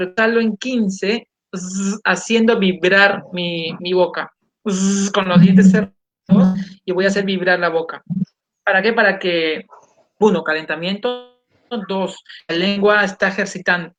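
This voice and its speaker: A man's voice: sits high, fairly bright tone. A man hosting a casual online interview, explaining and demonstrating pronunciation drills aloud. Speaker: host and coach.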